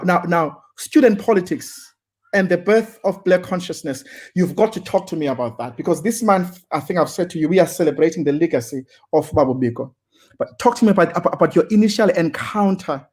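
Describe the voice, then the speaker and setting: A man hosting an interview, speaking haltingly with frequent stammers and fillers. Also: a little high, a little mellow. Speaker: host. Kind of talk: interview conversation.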